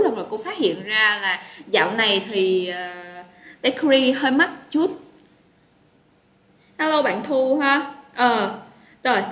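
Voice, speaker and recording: A woman's voice: a little high, a bit bright. Chatty Southern Vietnamese woman teacher, roomy echo. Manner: chatty, encouraging, reads out students' names. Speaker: English teacher. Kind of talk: live online vocabulary class. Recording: roomy echo with faint noise.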